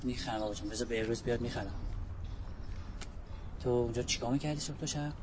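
Soft-spoken dad coaxing answers from his kid, played by a man, set back from the mic, hissy. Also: medium pitch, natural voice. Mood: gentle. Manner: gentle, probing questions. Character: father questioning his young son. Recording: noisy film soundtrack, voice from a distance.

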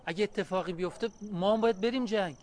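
A man's voice: high-pitched, darkish tone, a little hiss or hum, lightly acted. An actor playing an earnest young man questioning his father, in a radio drama. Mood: worried.

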